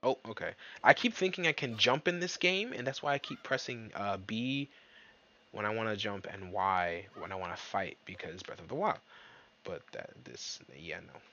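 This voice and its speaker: A man giving casual, jokey let's-play commentary, excitable and swearing, talking to himself and his viewers. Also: on the low side, normal speed, highs cut off. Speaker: gaming YouTuber. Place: dark room at home.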